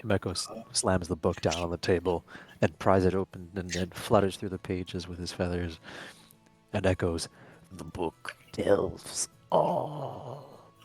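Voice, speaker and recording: A man's voice: low-pitched, flat delivery, normal speed, darkish tone, soft background music. A man playing a tabletop game who describes his character's actions matter-of-factly. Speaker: player.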